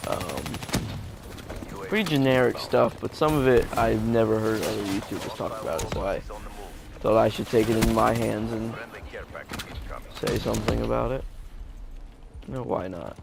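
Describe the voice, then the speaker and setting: A man's voice: on the low side, normal speed, creaky, pauses often, noisy background. A young man giving live gameplay commentary as a gaming YouTuber, rambling with many fillers and restarts. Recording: gameplay gunfire loud behind. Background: game gunfire and explosions.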